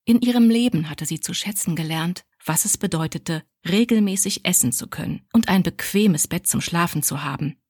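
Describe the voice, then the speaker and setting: A woman reading a historical novel aloud as a calm, measured audiobook narrator. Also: lowish voice, slightly rough, dry recording, studio quality. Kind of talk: scripted narration.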